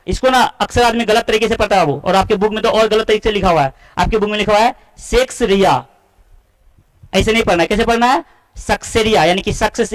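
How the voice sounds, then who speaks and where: A man's voice: high voice, a bit bright, poor audio. A man teaching a class lesson, asking students questions and then answering them himself. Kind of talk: classroom-style lesson explanation.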